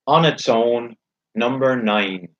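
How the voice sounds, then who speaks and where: A man calling bingo, announcing each number in a measured, formulaic way, digit by digit and then in full. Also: mid-range voice, a bit bright. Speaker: bingo caller and host. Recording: dull, lo-fi sound.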